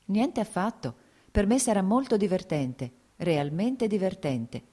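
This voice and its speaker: A woman's voice: medium pitch, expressive, unhurried, warm tone, husky, pitched above the performer's own voice. A woman reading as a jealous, brusque young husband. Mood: agitated. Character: jealous, impulsive young landowner husband, male.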